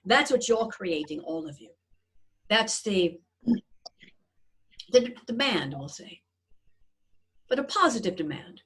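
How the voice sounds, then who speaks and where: A woman speaking as a trance channeler, like a seance medium, guiding listeners with deliberate, portentous, reassuring phrasing as in a guided meditation. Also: medium pitch, a bit bright. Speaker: trance channeler leading a group session.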